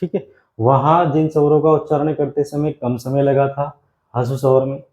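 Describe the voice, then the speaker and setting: A man with a mellow, warm voice teaching grammar to exam candidates. He talks at a middling pitch and slows right down to repeat each phrase for dictation. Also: little pitch movement, poor audio. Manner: repeats key phrases slowly for dictation, keeps calling the class "my friend". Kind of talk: exam-prep classroom lesson.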